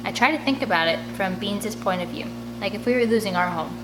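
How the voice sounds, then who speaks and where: A woman with a medium-pitched voice reads a first-person children's novel at a fairly quick clip, bringing the dialogue to life in an animated, expressive way. There is background noise behind her audiobook reading.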